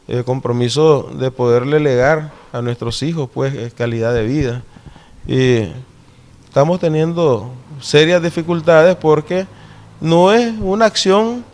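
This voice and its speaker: He has a fairly high, darkish voice and a Nicaraguan Caribbean coast Spanish accent. In this interview he explains things step by step, often adding brief tag questions to make sure the listener agrees.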